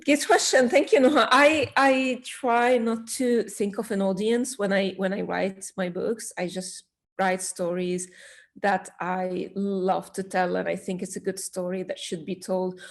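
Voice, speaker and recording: A woman's voice: mid-range voice, steady tone, unhurried. A woman from Syria, a children's author, answering interview questions earnestly and with passion, with small restarts.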